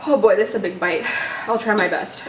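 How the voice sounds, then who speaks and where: An American woman talks to camera in a casual, sweary way while her mouth burns from spicy food. Her pitch sits in the middle for a woman. The room is echoey, with a light layer of noise behind her. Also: brisk. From Illinois, United States. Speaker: YouTuber host. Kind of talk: casual chat to camera during a food challenge Q&A.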